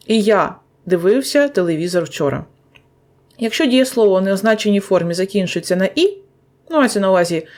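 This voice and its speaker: Ukrainian lady teacher going over grammar rules slow and steady, repeats everything. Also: medium pitch. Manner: patient, methodical, repeats rules step by step. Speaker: English teacher. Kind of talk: grammar lesson explanation.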